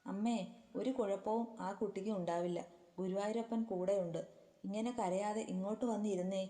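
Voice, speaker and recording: A woman voicing a calm, caring middle-aged housemaid who comforts others, with a long reverb on the recording. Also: medium pitch, normal speed, close to an everyday voice. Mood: soothing. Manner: soothing.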